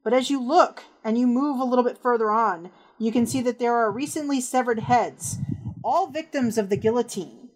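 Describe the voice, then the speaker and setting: A woman with a somewhat high voice runs a tabletop horror game. Her narration is hushed and suspenseful, with deliberate, descriptive scene-setting. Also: rough recording. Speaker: game master.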